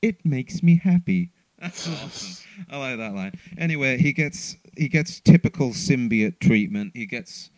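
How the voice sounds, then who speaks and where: A man's voice: mid-range voice, lively intonation, normal speed, hardly any pauses, no room sound, low-quality recording. A man co-hosting a casual podcast chat, chatty and stumbling over his words. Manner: chatty, laughs along, repeats words. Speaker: podcast co-host.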